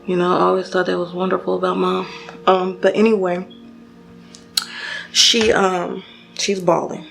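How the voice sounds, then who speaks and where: Young woman with vocal fry, chatty storytime. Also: lowish voice, flat delivery, moderate pace, fairly bright tone, soft background music. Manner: casual, chatty, many fillers and restarts, addresses viewers directly. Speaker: beauty vlogger. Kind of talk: storytime while doing makeup.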